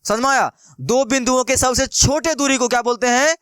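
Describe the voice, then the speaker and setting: A young man with a high voice explains math like a casual classroom lesson, tossing out questions and answering them himself in a chatty, playful way. His voice is smooth and clear. The sound is dry and close, with almost no room echo. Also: brisk, fairly bright tone. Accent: Bihari Hindi. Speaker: math teacher.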